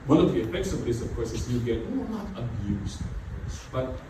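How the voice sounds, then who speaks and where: Brisk and swinging widely in pitch around a medium register, this middle-aged pastor preaches a sermon in English, which isn't his first language. He keeps repeating phrases and dropping "you know." The church hall is very echoey, the mic distant, the background noisy.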